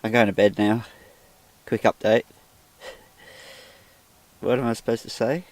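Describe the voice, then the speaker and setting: A man's voice: on the low side, steady tone, measured pace. A man, chatting casually to the camera inside a small tent with a wood stove and rambling in self-deprecating asides. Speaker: outdoor vlogger. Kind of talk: casual solo vlog commentary.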